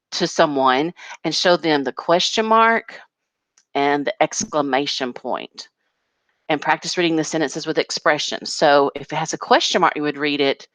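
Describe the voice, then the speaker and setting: Low-voiced woman teacher, dry sound. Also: fairly bright tone, dry recording. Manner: patient, explains step by step to parents. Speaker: kindergarten teacher. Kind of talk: walkthrough of a home learning packet.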